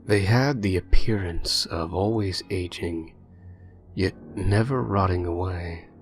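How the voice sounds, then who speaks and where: A man narrating a horror story in a low, measured, grim way. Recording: faint background music.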